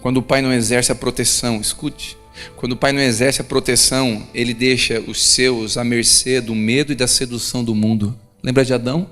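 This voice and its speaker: A man's voice: medium pitch, a little fast. A male pastor preaching a story-filled sermon, rising to emphatic peaks. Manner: animated, rises to emphatic peaks. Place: church. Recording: echoey church hall, soft music.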